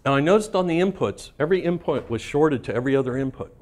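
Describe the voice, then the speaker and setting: A man's voice: on the high side, animated, fast, darkish tone. A middle-aged man giving a casual conference talk, telling anecdotes in a profane, self-amused way and often checking in with "right?". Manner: casual, profane, laughs at his own stories, keeps tagging "right?". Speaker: conference speaker. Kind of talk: storytelling talk to a live audience.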